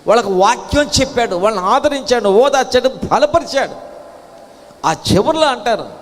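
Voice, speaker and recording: Man pastor preaching in a big echoey church, high voice, goes soft then loud. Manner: swings between soft tender asides and loud emphatic preaching. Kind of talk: Telugu sermon. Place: church hall. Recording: church hall with long reverb.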